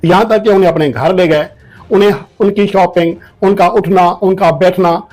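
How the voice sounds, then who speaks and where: A man, loud and scornful in talk show commentary. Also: sits high, fairly even intonation, normal speed, faint music behind.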